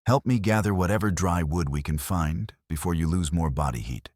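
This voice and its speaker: A man voicing a steady, protective warrior who gives calm, matter-of-fact instructions in a storybook reading. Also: low-pitched, normal speed, no echo, studio quality. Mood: firm.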